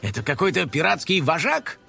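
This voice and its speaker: A man voicing a boastful, excitable male house-spirit detective with pompous, theatrical exclamations in a children's storybook. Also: a little high, brisk, gravelly, slightly rough, faint music behind, heavily acted.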